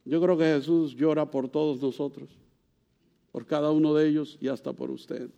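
A man giving a sermon as pastor, asking rhetorical questions and swinging from loud, high passages to soft, low ones. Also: steady tone, normal speed, gravelly, lo-fi sound.

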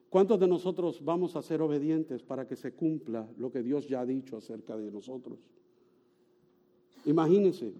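High-voiced, emphatic male preacher. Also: highs cut off. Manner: emphatic, rising to shouts. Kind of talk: sermon.

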